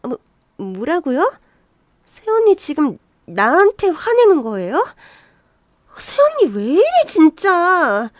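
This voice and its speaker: A woman voicing a quick-tempered young sister-in-law who talks in a shrill, indignant, whiny way. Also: wildly swooping pitch, dry recording, clean studio sound, full character voice.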